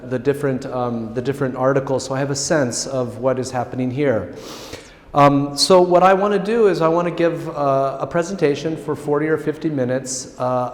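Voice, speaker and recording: An American man from California giving an informal academic lecture, friendly and self-deprecating, with frequent restarts. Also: mid-range voice. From California, United States. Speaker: guest lecturer. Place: large public hall. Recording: roomy hall reverb.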